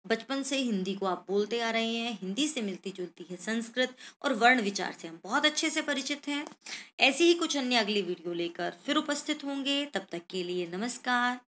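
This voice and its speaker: A woman's voice: fairly high pitch, animated, moderate pace, a bit bright, a little hiss or hum. A woman Sanskrit teacher going through a worksheet lesson, sounding out each letter and speaking directly to the children watching.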